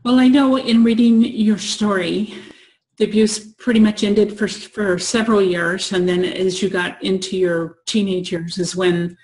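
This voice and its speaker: A woman's voice: medium pitch, steady tone, unhurried, darkish tone, poor audio. A woman in her sixties hosting an interview over a video call, encouraging and affirming toward her guest. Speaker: interview host. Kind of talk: supportive interview conversation. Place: indoors, home room. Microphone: video call webcam.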